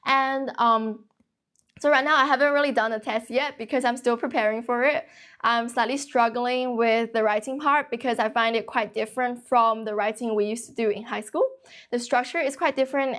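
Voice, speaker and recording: Young Chinese-born woman, fairly high voice, quick and chatty, hosting an English livestream from an office. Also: a bit bright. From China. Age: young adult. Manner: brisk, chatty, refuses to slow down. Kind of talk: casual livestream chat answering viewers.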